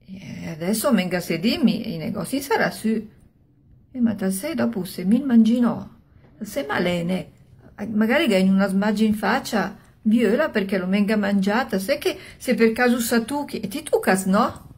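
Older Milanese woman storyteller, husky and creaky. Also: mid-range voice, expressive, normal speed, a little mellow. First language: Milanese dialect. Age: 60s. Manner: colloquial, conversational, with short phrases and interjections. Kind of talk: oral storytelling of an old horror tale, acting out dialogue. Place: small room at home.

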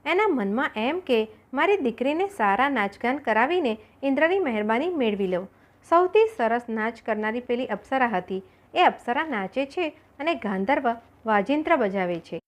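A woman reads a children's folk tale aloud as an audiobook narrator. Her storytelling is expressive, and her voice sits somewhat high for a woman.

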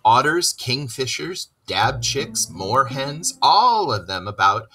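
A man's voice: medium pitch, sing-song, takes it slowly, pushed and bright, a little hiss or hum, pitched above the performer's own voice, exaggerated voice. Man doing chatty river Rat. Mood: hearty. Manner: chatty and hearty, hesitant when wary. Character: cheerful, self-assured male water rat who loves the river.

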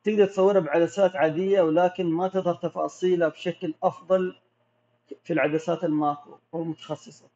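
Answering viewers' questions in a laid-back live Q&A, this Gulf Arabic-accented man explains his macro photography calmly. He talks fast in a slightly high voice, captured on dull lo-fi audio.

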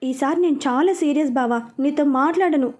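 A woman's voice: high-pitched, normal speed, a little mellow, natural voice. A woman reading a story, voicing a pouting, stubborn young woman who is hurt and angry with her fiancé. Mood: sulky.

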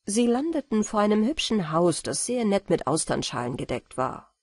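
A woman reading a fairy tale aloud as a calm, unhurried bedtime audiobook. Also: medium pitch, no echo, clean studio sound. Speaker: audiobook reader.

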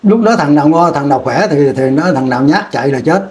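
A Vietnamese veteran recalls his war years in an oral history interview, rambling and repeating words as he restarts sentences. His voice is fairly high-pitched, expressive, fast, and somewhat dark in tone.

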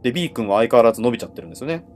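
A male livestream host and horror storyteller tells ghost stories in a medium-pitched, expressive voice. His speech is casual and conversational, with dramatic pauses and phrases that trail off.

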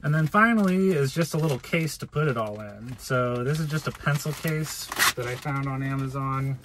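The recording is very noisy as a man in his thirties, parked in a van cab, gives a casual, plain-spoken hands-on demo of his gear for a video. He talks at normal speed in a mid-range voice.

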